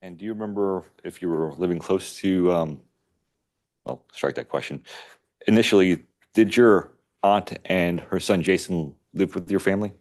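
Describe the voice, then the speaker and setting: A man acting as attorney, questioning a witness in court in a measured, polite way. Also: sits low, a little mellow.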